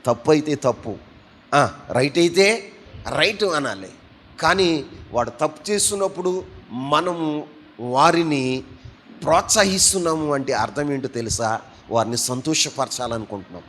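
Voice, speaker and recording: A man preaching a sermon as pastor, fervent, asking the congregation questions and swinging between loud and soft. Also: fairly high pitch, expressive, normal speed, pauses often, slight background noise.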